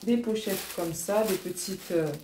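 A woman's voice: medium pitch, unhurried. Young woman vlogging, bubbly and rambly, lots of ums, echoey room with crinkly packaging noise. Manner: chatty and excitable, with many fillers and repeated words. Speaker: small-business vlogger. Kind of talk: casual vlog chat. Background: crinkling packaging and clicks.

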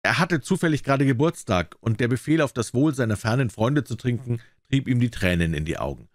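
A man reading a classic tale aloud as an audiobook narrator, with expressive storytelling. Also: medium pitch, fairly quick, no echo, clean studio sound. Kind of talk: scripted narration.

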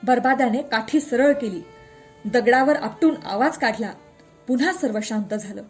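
Woman storyteller, high voice, steady clear reading, faint music behind. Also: moderate pace. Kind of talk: scripted story narration.

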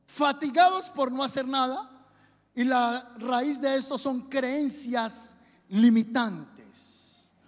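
High-voiced pastor preaching. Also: male voice, slow. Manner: acts out story voices, calls congregation to repeat. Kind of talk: sermon with storytelling. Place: church hall. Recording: reverberant church hall.

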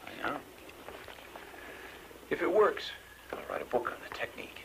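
A man's voice: a little high, big pitch swings, normal speed, creaky, a bit bright, whispered, exaggerated voice, rough recording. An actor playing a wry, dry-humored male psychiatrist in a 1970s TV movie.

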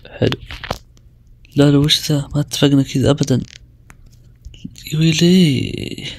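A young man, chatting his way through a video game and talking himself through each move with quick exclamations. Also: medium pitch, darkish tone, no room sound. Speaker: gaming video creator. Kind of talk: casual gameplay commentary.

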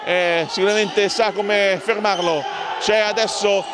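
A man giving breathless, often shouted live basketball play-by-play with drawn-out names, in an excitable manner. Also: sits high, crowd noise. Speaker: basketball commentator. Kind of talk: live play-by-play sports commentary. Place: courtside in an indoor basketball gym. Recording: clear background noise of sports hall. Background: bouncing basketballs and hall ambience.

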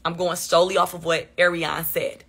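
A woman with a bright, forceful voice vents live on her phone, defensive and quick to sarcasm. She talks straight to her chat. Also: fairly low pitch, flat delivery, creaky, husky. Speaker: livestreamer. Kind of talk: venting on a livestream.

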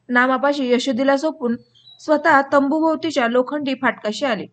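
A woman reading a novel aloud as an audiobook, switching into rustic village speech for the characters' dialogue. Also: high voice. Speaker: audiobook narrator.

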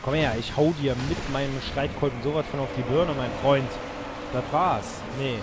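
A man giving casual let's play commentary, excitable, with loud exclamations and talking to his viewers. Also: medium pitch, normal speed, very noisy.

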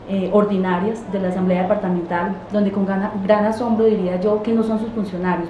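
A regional deputy to the departmental assembly from Quindío, Colombia, answers interview questions with emphatic indignation, voicing political criticism. Her voice is mid-range with a dark tone, recorded in a small, roomy office where noise is clearly audible.

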